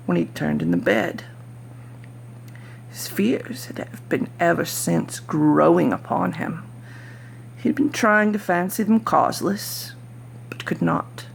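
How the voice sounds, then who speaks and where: In a dramatic gothic horror reading, a performer with a mid-range voice fully inhabits a nervous, obsessive mad murderer, whispering breathily with halting, theatrical emphasis. The mood is one of brooding dread, with slight background noise.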